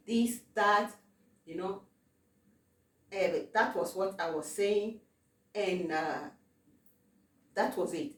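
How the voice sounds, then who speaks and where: A woman from Africa telling a personal testimony, halting, with many fillers and repeated words. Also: medium pitch. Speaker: testimony vlogger. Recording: roomy, distant from the mic.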